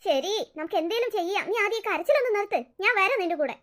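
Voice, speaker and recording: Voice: very high-pitched, lively intonation, fast talker, a bit bright. A performer voicing a nervous but sensible young male friend who coaxes and makes dry, sarcastic remarks. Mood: coaxing. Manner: coaxing, worried, dryly sarcastic.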